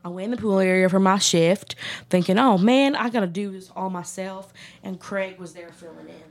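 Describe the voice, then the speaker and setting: A giggly young lifeguard , played by a woman, with a Texan drawl, rambling through gossip and breaking into laughter mid-sentence. Her voice sits at a middling pitch, casual and chatty. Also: moderate pace, close to an everyday voice. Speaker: improv character being interviewed. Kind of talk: improvised comedy interview.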